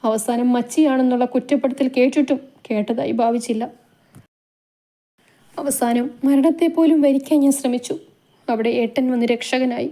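A woman's voice: sits high, fairly even intonation, normal speed, dark tone, pitched above the performer's own voice. A woman voicing a frightened young wife who is tearful and broken, with a trembling, pleading delivery in a storybook reading. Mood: bitter.

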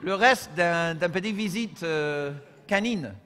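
American man, pastor's sermon, high bright voice, long church echo, humorous asides and shouting. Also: slow pace, slight background noise. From United States. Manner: swings from soft asides to loud shouted preaching; humorous storytelling.

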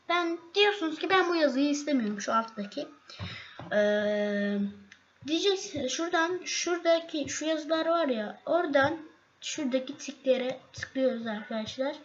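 High-voiced woman giving a hesitant tutorial. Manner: halting, many fillers and restarts, addresses viewers as friends. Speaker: tutorial host. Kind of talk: casual screen-recorded software tutorial. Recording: slightly dull, faint noise.

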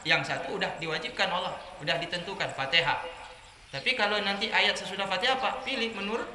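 A man preaching a religious study sermon to a group of women, telling lively stories and jumping higher in pitch for anecdotes. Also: fast, a crowd in the background. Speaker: Islamic preacher. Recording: echoey room with background noise.

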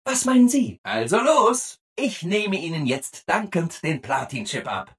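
A man plays a video game robot assistant that is relentlessly cheerful and eager to please, over-polite and exaggeratedly upbeat, in a heavily acted, gushing performance. His husky voice sits high and sing-song, and he takes his time.

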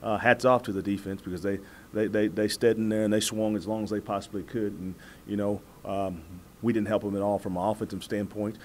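Seated before a backdrop in an indoor press room, a forties American man who coaches college football fields postgame questions through several table microphones. He speaks in a lowish, flat voice, measured and halting with repeated words, and there's slight background noise.

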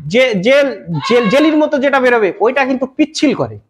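A goat farmer from West Bengal explaining breeding to an interviewer, often checking that the listener follows. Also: male voice, extremely high pitch, animated, brisk, a little hiss or hum. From West Bengal, India. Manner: repeats "কিন্তু" and "বুঝতে পেরেছেন?" often. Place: goat farm, outdoors.

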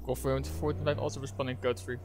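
A man's voice: medium pitch, level tone, fast talker, vocal fry, background noise. A man playing a police officer in a game roleplay, giving clipped call-outs over police radio.

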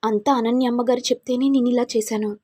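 A frightened household maid who begs and confesses, as a woman voices her in a serial recap. The voice is husky and a little high. It sounds dry and close. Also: fairly even intonation, fast talker, dark tone, dry recording. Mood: pleading. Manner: pleading, apologetic.

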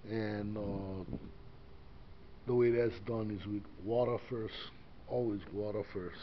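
Wearing an action camera, an older man from Hawaii rambles with many fillers as he shows the small church he cleans, offering casual walkthrough commentary as a custodian vlogger. His fairly low voice is steady and slow. The camera audio is dull and lo-fi, with faint noise.

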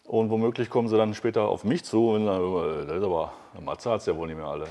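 A man's voice: lowish voice, steady tone, quick pace, dark tone. A man hosting a casual interview in a large workshop hall, talking in a chatty, enthusiastic way with many fillers and restarts. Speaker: host.

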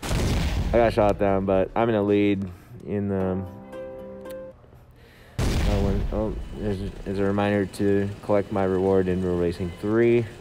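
A low-voiced man narrates his gameplay casually, muffled behind a face mask. His delivery is slow and hesitant, with long pauses. Game music plays clearly behind him, along with gunfire and vehicle noise. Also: little pitch movement. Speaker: gamer narrating own gameplay video. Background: game music, gunfire, vehicle sounds.

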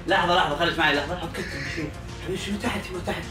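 A man trying to calm things down and reason, exasperated, heard in a played video. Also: a little high, racing. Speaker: prankster in a played clip. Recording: echoey, distant video audio with music.

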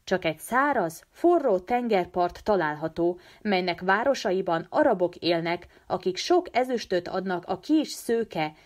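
An earnest teenage boy leader pleads urgently with his friends, as a woman reads him in an audiobook. The voice sits a little low and stays steady and serious, an ordinary reading voice with an urgent push. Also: hardly any pauses, natural voice.

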